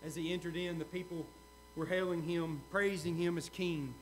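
A male pastor preaching a sermon, earnest, repeating key questions and swinging from loud to hushed. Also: on the high side, fairly even intonation, normal speed, a little hiss or hum.

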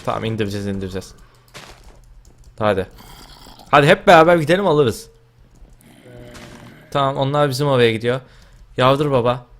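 A man with a Turkish accent giving casual gameplay commentary, joking and boasting, breaking into loud yells at his teammates. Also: mid-range voice, a little fast, long pauses. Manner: excitable, yells and shouts at teammates in bursts. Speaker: gaming YouTuber.

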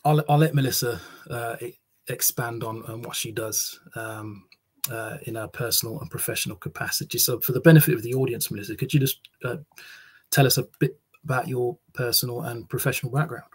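A man's voice: medium pitch, fairly even intonation, fairly quick, husky, rough recording. A man hosting an interview over a video call, hesitant with many fillers and restarts. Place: small indoor room. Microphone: video call webcam.

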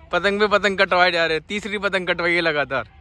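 A young man vlogging casually outdoors in an open field, calling out excitedly and laughing as he talks to people around him. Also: high-pitched, normal speed. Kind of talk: casual outdoor vlog commentary.

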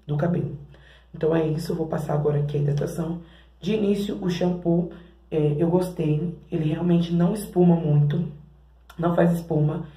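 A woman's voice: lowish voice, dark tone, reverberant, rough recording. A Brazilian woman vlogging in her bathroom as she tests hair products, chatting to her viewers. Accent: Brazilian Portuguese. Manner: chatty, keeps addressing viewers as "gente". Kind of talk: casual product-testing vlog. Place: home bathroom.

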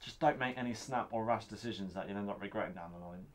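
A man's voice: on the low side, fast talker, slight background noise, close to an everyday voice. A man playing a patient youth counsellor. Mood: calm. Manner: calm, patient, with frequent ums.

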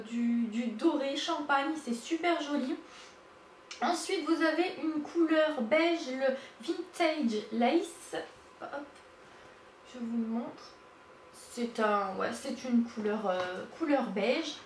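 Girl doing a slow chatty makeup demo, high voice, echoey room, kinda far from the mic. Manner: hesitant, lots of fillers, gushing. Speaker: beauty vlogger. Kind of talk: casual makeup swatch demo. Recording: echoey room, mic at a distance, faint hiss.

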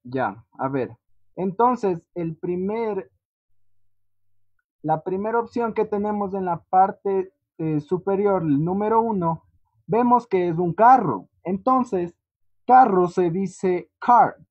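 Slow, patient teacher, dull lo-fi audio. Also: medium pitch. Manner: patient, checks in with a questioning "¿sí?". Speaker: English teacher. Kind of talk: online class walkthrough. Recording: dull lo-fi online class audio.

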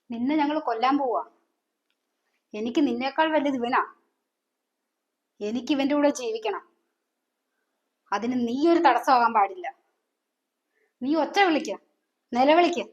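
A woman's voice: high voice, a little slow, pauses often. An actress playing a scheming widowed mother who talks curtly and dismissively. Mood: menacing. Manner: curt, dismissive, scolding. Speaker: actor. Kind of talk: family drama acting. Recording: dull lo-fi sound.

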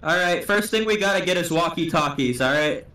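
A man chatting during a co-op video game, shouting quick excited callouts and swearing. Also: fairly high pitch, rough recording. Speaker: gamer. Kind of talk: casual co-op game chat.

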